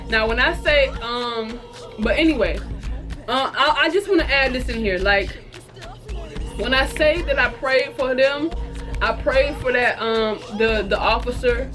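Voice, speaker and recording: Music plays clearly in the background while a woman, a storytime vlogger, relates a casual tale to her viewers. Her voice is fairly high, and her delivery is sassy and full of slang, with stretched-out words for emphasis and bits of mimicry.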